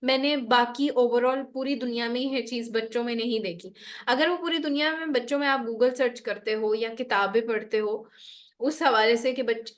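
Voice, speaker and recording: A woman with a fairly high voice leads a parenting advice session. She explains calmly and lays out practical steps one by one. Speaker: parenting teacher.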